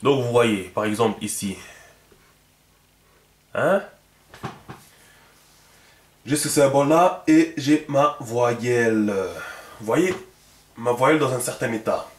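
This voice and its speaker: A man's voice: medium pitch, slow, pauses often, echoey room. A man giving a casual spoken lesson, thinking aloud with many fillers and repeated words, often checking that his listeners follow. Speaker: teacher.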